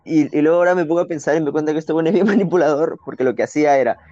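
A young man with a Peruvian accent tells stories at a rapid clip, animated and full of slang. His laughter slips in between lines. The recording is dry and a little dull. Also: on the high side, no room sound. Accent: Peruvian Spanish. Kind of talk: casual storytelling chat.

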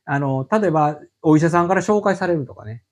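Lively middle-aged man with a Kansai accent. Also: a little high, a little fast, crowd noise. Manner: animated, explanatory storytelling. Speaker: guest. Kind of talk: casual podcast chat.

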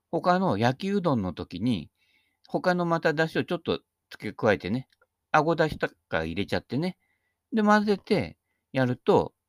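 A man's voice: medium pitch, dry recording, clean studio sound. An older man missing his front teeth gives a casual, humorous, rambling monologue, chatty and self-deprecating. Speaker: speaker giving talks on Buddhist sayings.

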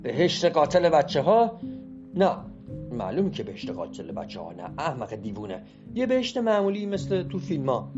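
A man's voice: medium pitch, natural voice. A man voicing a grieving, bitter adult writer who speaks in a cutting way, in an audio drama reading. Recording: muffled with music behind.

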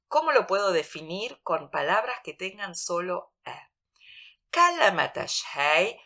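A woman gives a radio language lesson at an unhurried pace. Her voice sits low yet sounds bright and clear. She explains patiently and recites example phrases slowly. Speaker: Hungarian language teacher.

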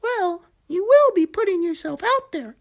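Storybook gecko, small cheerful male, read by a woman, chirpy coaching voice, slightly gravelly. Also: extremely high pitch, lively intonation, measured pace, pitched above the performer's own voice, heavily acted. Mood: gentle. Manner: chirpy and encouraging.

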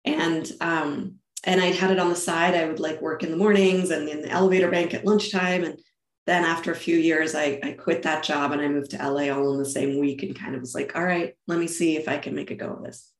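A German woman with a deep, steady voice answers interview questions conversationally about the event business she founded. She talks briskly and enthusiastically, often restarting her sentences, and the sound is roomy.

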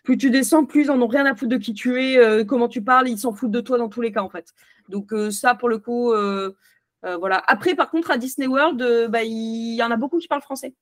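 A woman from France chats as a podcast guest, her voice sitting a little high. She hands out advice in a loose, hesitant flow. The sound is close and dry, with no room in it. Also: fairly quick, no room sound. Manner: chatty advice-giving with many hesitations. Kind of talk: casual interview chat.

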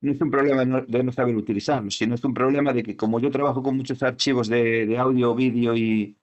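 A man's voice: mid-range voice, fairly even intonation, quick pace. Rambling man on a lo-fi podcast. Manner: rambling, many fillers and restarts. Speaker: podcast co-host. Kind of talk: casual chat. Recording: dull lo-fi podcast audio.

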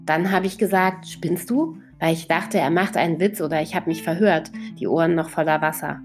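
A woman's voice: deep voice, moderate pace, music in the background, lightly acted. A woman voicing an emotional young friend who has just got engaged, telling her story in a bubbly, breathless way. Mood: amused. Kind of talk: audiobook character voice.

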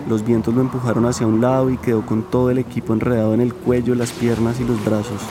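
A man narrating a documentary podcast in a measured, even storytelling manner. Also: medium pitch, noisy background.

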